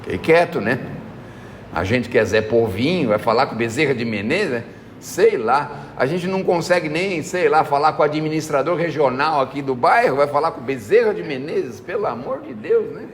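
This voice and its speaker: A man's voice: a little high, expressive, normal speed, long reverb tail, a little hiss or hum. A man with a Brazilian accent giving a folksy spiritual talk, telling anecdotes, acting out voices, and asking "né?" again and again. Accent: Brazilian Portuguese. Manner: folksy storytelling, acts out quoted voices, frequent "né?". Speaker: spiritist lecturer.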